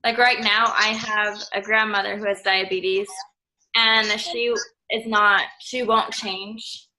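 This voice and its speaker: Bright young woman, chatty. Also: medium pitch, flat delivery, takes it slowly, a little hiss or hum, low-quality recording. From Idaho, USA. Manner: chatty, many fillers. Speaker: student. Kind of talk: casual group discussion. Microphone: video call.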